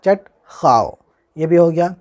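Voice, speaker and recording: A man teaching Urdu handwriting, spelling each word slowly and repeating it, often asking how the letters are joined. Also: a little high, animated, a little mellow. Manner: slow, patient, repeats each word and asks "how will we join this?". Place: indoors, recording a tutorial without a camera.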